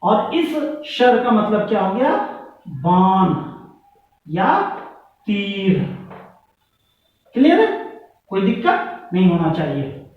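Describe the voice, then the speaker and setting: A man teaching a grammar lesson, repeating words slowly and quizzing his listeners. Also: sits high, very animated. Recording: echoey, distant, dull room sound.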